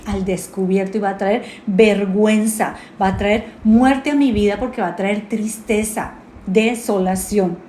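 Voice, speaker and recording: A woman preaching a sermon, often pausing to ask her congregation rhetorical questions. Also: mid-range voice, darkish tone. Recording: echoey room with faint noise.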